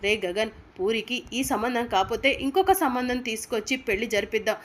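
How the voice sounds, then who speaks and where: A woman's voice: fairly high pitch, lively intonation, fairly quick, slight background noise, lightly acted. A woman reading a tender, consoling mother. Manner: tender, coaxing. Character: caring mother consoling her grown son.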